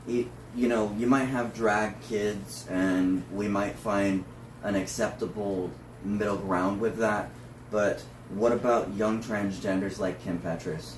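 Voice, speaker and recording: Picked up by a roomy, distant mic with faint noise, a male drag performer speaks slowly in a lowish, steady voice, casually working through notes in a discussion.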